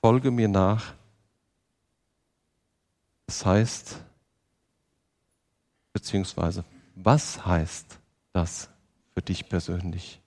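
German preacher guy, slow and earnest, big echoey church sound. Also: sits low, warm tone. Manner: slow, earnest, addresses listener directly with questions. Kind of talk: sermon. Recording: long reverb of a large hall.

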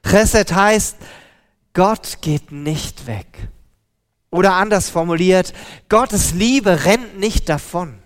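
A man preaching a sermon, slow and deliberate with emphatic pauses. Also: high voice.

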